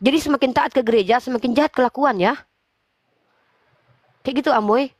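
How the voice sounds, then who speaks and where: Woman host going off on someone, preachy and fierce, kinda high voice, dry sound. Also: brisk, dry recording. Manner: scolding, preachy and forceful. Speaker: host of a religious debate livestream. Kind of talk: livestream talk.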